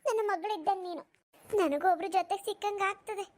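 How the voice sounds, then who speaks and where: A woman's voice: very high-pitched, fairly quick, darkish tone. A woman voicing a kindly, lonely old village grandmother in a cartoon, talking in a rustic, motherly, consoling way. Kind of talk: cartoon voice acting.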